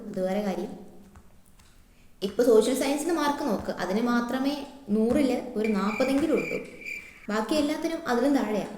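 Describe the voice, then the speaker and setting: A woman's voice: high-pitched, darkish tone. A woman playing a chatty, nosy class teacher at a parents' meeting who repeats herself a lot, in a comic sketch monologue. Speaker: comedy sketch performer. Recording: echoey room, faint noise.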